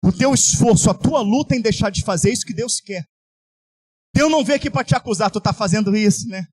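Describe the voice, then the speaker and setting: High-voiced fervent Brazilian pastor, shouting. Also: male voice, fairly quick, husky. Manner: fervent, often shouting and half-singing pleas. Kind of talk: impassioned altar-call sermon.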